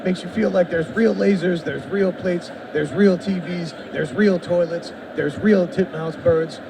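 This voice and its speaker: A game developer commentates on someone playing his game during a live demo, joking like a wrestling announcer. His voice is high, gravelly and steady in tone, running a little slow. The mic sits far away on a noisy, busy expo show floor.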